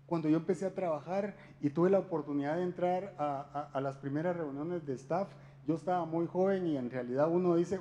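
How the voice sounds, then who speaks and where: A man's voice: a little high, warm tone, a little hiss or hum. A man giving a conversational sermon talk, speaking directly to his listeners with frequent rhetorical questions. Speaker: church speaker.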